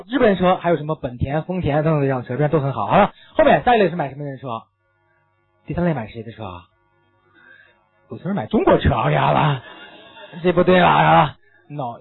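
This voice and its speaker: Man, English teacher, lively swooping voice, husky, tinny phone-like sound. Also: fairly high pitch. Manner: animated, asks many rhetorical questions, mixes in English phrases. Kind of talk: lecture explaining an English reading passage.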